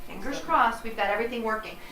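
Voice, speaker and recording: A woman's voice: fairly high pitch, lively intonation, quick pace, a crowd in the background. A woman giving a casual, chatty how-to demonstration as an organizer, speaking off the cuff. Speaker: professional organizer and presenter. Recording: echoey room, distant mic, clear noise.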